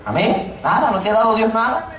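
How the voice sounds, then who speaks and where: A middle-aged man preaching to a youth congregation, his voice pitched very high. He jokes with the crowd and then drags out key phrases. The room is echoey and the mic sits some way off. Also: very animated, far from the mic. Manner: joking, calls out to the congregation, preaches slowly for emphasis. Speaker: pastor. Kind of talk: sermon. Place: church hall.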